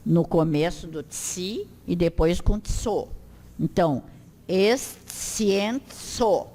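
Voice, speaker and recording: A woman teaching an Esperanto class, slowly drilling pronunciation for her students to repeat in a classroom. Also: fairly low pitch, warm tone. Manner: slow, drawn-out drilling of words for learners to repeat. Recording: long hall reverb.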